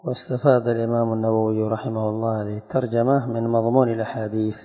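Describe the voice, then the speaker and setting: Male hadith teacher, deliberate lecturing delivery, recorded dull and lo-fi in a reverberant hall. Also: fairly low pitch, little pitch movement. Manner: reads a chain of narrators, then explains slowly and deliberately; questions his students. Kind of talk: religious lesson reading and explaining hadith.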